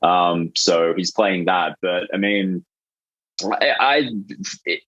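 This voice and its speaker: A man's voice: low voice, takes it slowly, fairly bright tone, no echo, muffled recording. A man on a casual sports podcast panel, talking hesitantly and restarting his sentences.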